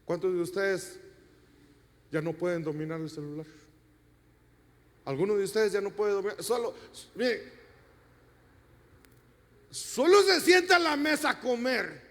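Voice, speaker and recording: A pastor delivering an emphatic sermon, addressing the congregation directly and asking them rhetorical questions. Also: male voice, high voice, expressive, a little slow, pauses often. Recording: long reverb of a church hall.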